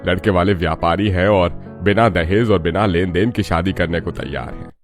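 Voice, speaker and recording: A man voicing a deep-voiced persuasive father. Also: normal speed, faint music behind, close to an everyday voice. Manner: cheerful, persuasive. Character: father arranging his daughter's marriage.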